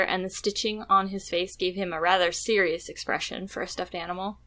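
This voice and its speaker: A woman co-hosting a podcast, reading a story aloud in a steady storytelling way between casual chat. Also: medium pitch. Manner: steady storytelling read with light laughs. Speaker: podcast co-host.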